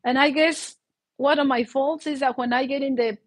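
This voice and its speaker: A Mexican woman with a Mexican Spanish accent hosts a casual livestream monologue on her own YouTube channel while sick with the flu and a sore throat. She speaks earnestly and heartfelt, laughing often mid-sentence. Her voice is high-pitched with fairly even intonation at normal speed.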